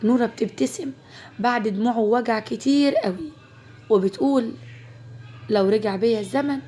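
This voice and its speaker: An Egyptian woman telling a dramatic family tale aloud. Her voice is husky and breathy, and it sits somewhat high. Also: normal speed, dark tone. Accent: Egyptian Arabic. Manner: dramatic storytelling. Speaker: narrator. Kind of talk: dramatic story narration.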